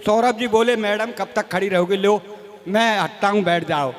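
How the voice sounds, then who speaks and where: A man's voice: sits high, normal speed. A man from Rajasthan performing stage comedy poetry, folksy and self-mocking, talking straight to the audience. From Rajasthan, India. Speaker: comic poet. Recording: echoey hall reverb.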